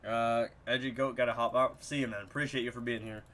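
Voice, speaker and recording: A man's voice: mid-range voice, fast. A young man giving casual, joking commentary to his chat while he plays a video game. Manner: excitable, joking, talks to chat. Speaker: streamer.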